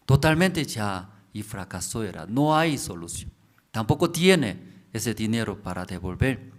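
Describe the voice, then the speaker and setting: Slow-speaking pastor preaching in a prayer service. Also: male voice, on the low side, sing-song. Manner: repetitive, asks the congregation questions. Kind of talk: slow sermon explaining scripture.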